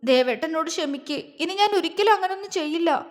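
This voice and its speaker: A woman's voice: very high-pitched, expressive, pitched above the performer's own voice. A woman voicing a tearful, insecure young wife who stammers through her words, with a long hall reverb. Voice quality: halting, stammering speech. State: crying.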